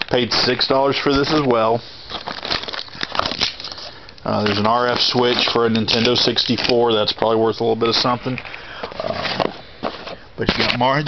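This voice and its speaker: Filmed handheld in an indoor storage room, a Texan in his thirties casually walks through his auction finds for a haul video. His medium-pitched delivery is plainspoken and rambling, full of restarts, and the camera audio comes through dull and lo-fi with clear noise.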